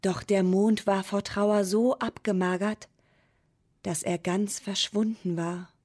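A woman reads a storybook tale aloud at a slow, unhurried pace. Her voice is soft and a little husky, with expressive but calm delivery. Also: medium pitch. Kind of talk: storybook narration.

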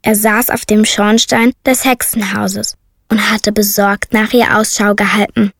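A woman reading a storybook aloud as narrator, measured and clear. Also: medium pitch, little pitch movement, fairly bright tone, dry recording, studio quality.

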